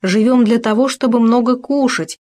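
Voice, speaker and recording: A woman's voice: medium pitch, moderate pace, a little mellow, close to an everyday voice. A woman reading a storybook, voicing a stubborn, food-obsessed male gopher who grumbles.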